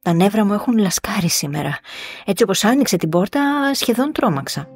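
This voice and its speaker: A woman reading the lines of an irritable, jumpy gentleman scholar in an audiobook story. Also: mid-range voice, expressive, close to an everyday voice.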